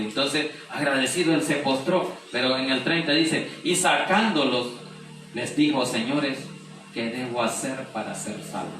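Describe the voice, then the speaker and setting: Reading verses aloud and throwing out rhetorical questions, a pastor explains scripture in his sermon, his medium-pitched voice a bit bright. Faint noise, a distant microphone, and a very echoey room shape the recording.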